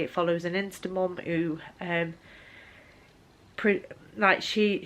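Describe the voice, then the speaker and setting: Woman, young adult, tired, hesitant, lots of ums, lowish voice, casual vlog chat. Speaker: book vlogger.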